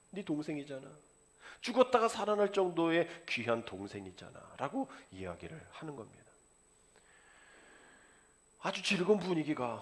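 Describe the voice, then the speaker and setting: Animated Korean-speaking male preacher. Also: mid-range voice. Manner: animated preaching, acts out the father and son in dialogue. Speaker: pastor. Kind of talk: sermon.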